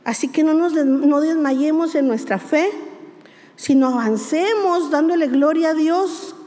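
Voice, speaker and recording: High-voiced woman pastor preaching in a hall. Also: unhurried, dark tone. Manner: emphatic preaching, repeats key words, rhetorical questions. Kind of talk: sermon. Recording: long hall reverb.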